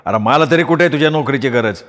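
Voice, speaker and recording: A man's voice: medium pitch, quick pace, fairly bright tone, long reverb tail, lightly acted. A male storyteller playing a fierce, burly village guard who talks bluntly and defiantly. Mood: scornful.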